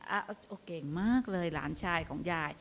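A woman's voice: on the low side, brisk. An older woman hosting a live show, giving a dharma talk to parents and asking rhetorical questions. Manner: animated, asks rhetorical questions. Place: stage of a live broadcast.

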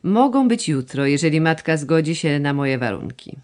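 A woman's voice: low voice, normal speed. A woman reading the lines of a reserved young landowner who answers his mother briefly and without feeling. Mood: curt. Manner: curt, flat and unmoved. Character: terse, cold landowner son, young man. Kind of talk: audiobook dialogue reading.

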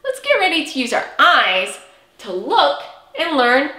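A woman's voice: high voice, sing-song, unhurried, bright, forceful tone. A woman in her thirties teaching a preschool alphabet lesson in a broad singsong manner, emphatic and drawn out for small children. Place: small indoor room, in front of a whiteboard. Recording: roomy indoor echo.

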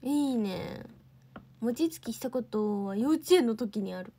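A young woman chats casually on a livestream, reading out and answering viewer comments as they come in. Her voice sits high and has a slightly husky edge. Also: animated, a little slow, dark tone. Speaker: idol livestream host.

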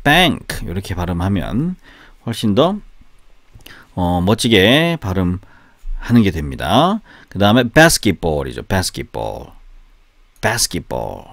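A man who speaks Korean as his first language, teaching English pronunciation by repeating each word slowly and drilling it aloud. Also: low-pitched, very animated, gravelly, no room sound.

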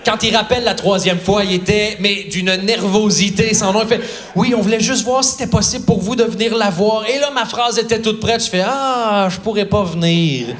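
A man's voice: sits high, normal speed, a bit bright. A man performing a stand-up set on a theatre stage, telling a story and acting out the people in it. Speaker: stand-up comedian. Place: theatre stage before a live audience.

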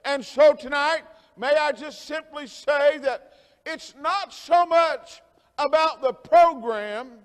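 A man preaching a sermon as pastor, slow and halting with many fillers and repetitions, rising to emphatic near-shouting. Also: very high-pitched, big-room sound. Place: church sanctuary.

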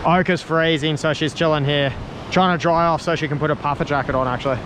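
A young Australian man hosting a casual fishing vlog on a surf beach at sunset, excitable and quick to laugh, recorded on a head-mounted camera. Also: on the high side. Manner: excitable, laughing, exclaiming at catches. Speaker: fishing channel host. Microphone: head-mounted action camera. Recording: loud surf and wind noise outdoors.

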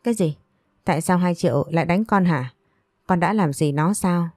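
A woman voicing a stern, scheming older mother in a romance story, speaking in a sharp, scolding way. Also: on the low side, normal speed, no room sound, clean studio sound, faint music behind, lightly acted. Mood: coaxing.

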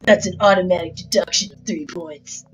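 A woman voicing a gruff, tough-talking, movie-loving middle-aged dad with deadpan bravado while playing a video game, straining her throat to keep the voice rough. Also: on the low side, moderate pace, lo-fi sound, over music, close to an everyday voice. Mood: swaggering. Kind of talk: Let's Play voice acting.

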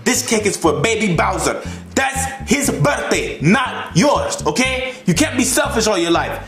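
Guy playing a whiny bumbling chef, squeaky high voice, cusses a lot, echoey room. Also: very animated, measured pace, fairly bright tone, heavily acted. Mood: flustered. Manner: whiny, swearing, flustered. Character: bumbling hot-tempered adult male chef. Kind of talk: puppet comedy skit acting. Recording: roomy echo, faint music.

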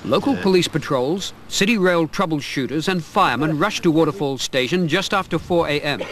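A male television reporter reads his story in a measured, formal way, his voice sitting a little high. There is a clear hiss behind him, typical of a 1990s broadcast tape. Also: a bit bright. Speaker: news reporter. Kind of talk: scripted news narration.

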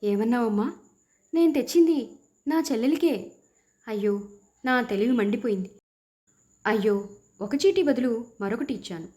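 A woman's voice: on the high side, normal speed, long pauses, warm tone, close to an everyday voice. A woman voicing a poor young husband in a storybook, who pleads and cries out in anguish.

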